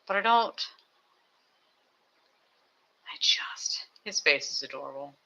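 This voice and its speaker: Rambling home streamer with a sharp, bright voice who chats and builds at the same time. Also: mid-range voice, expressive, slow pace, vocal fry, whispered, poor audio. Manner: chatty, thinks aloud, self-mocking asides. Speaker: live streamer building toy sets. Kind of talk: casual rambling chat while building. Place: home desk with two computers.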